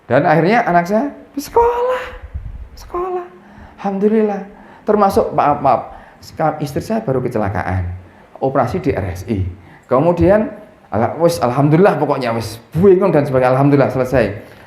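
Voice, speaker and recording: Animated preacher in an echoey hall. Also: male voice, a little high, moderate pace. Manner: animated, mixing in Javanese words, acting out prayers. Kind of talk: religious talk to a gathering.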